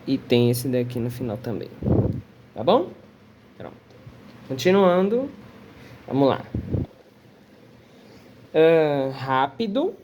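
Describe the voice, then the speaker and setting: A woman's voice: very deep voice, very animated, slow, long pauses, noisy background. A Portuguese-speaking woman teaching an online Arabic lesson, patiently repeating words and checking in with her students. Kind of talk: relaxed online language lesson.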